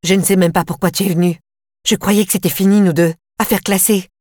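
A woman's voice: mid-range voice, fairly even intonation, fairly quick, a little mellow, no room sound, studio quality, close to an everyday voice. A woman voicing a hard, bitter female inmate who coldly pushes her sister away, in an audiobook. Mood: hostile. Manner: curt, cold and pushing away.

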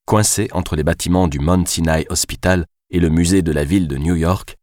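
A man narrating a novel as an audiobook in a measured, even way. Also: low-pitched, no room sound, studio quality.

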